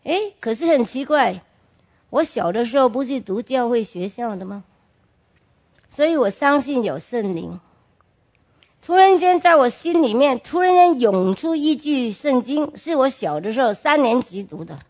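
A woman's voice: a little high, expressive, normal speed, a little mellow. A woman giving a personal testimony to a congregation in an earnest, emphatic way, often asking the listeners direct questions and dropping in English words. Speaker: church testimony speaker.

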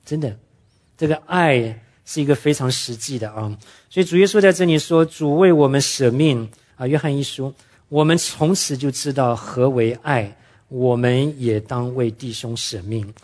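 A man preaching a sermon, telling stories earnestly and slowing down to stress his main points. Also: mid-range voice, a little mellow. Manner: earnest storytelling preacher, drops English words into speech; slows down and drops his voice to stress key points. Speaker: pastor.

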